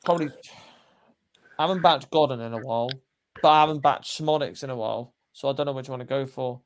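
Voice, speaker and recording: A man's voice: medium pitch, quick pace, a little hiss or hum. A young man co-hosting a football fan stream, talking bluntly and swearing freely. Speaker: co-host. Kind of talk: football fan podcast chat.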